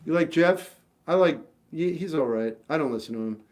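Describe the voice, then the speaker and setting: Slightly high and a little mellow, this fifty-something livestream host speaks at normal speed with lively intonation. He chats casually with viewers, offering rambling, self-deprecating advice and restarting often.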